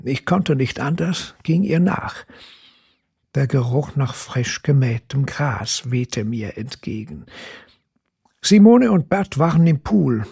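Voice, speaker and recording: Slow, raspy-voiced man reading a story. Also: a little high, darkish tone. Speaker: author reading his own short story. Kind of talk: first-person story reading.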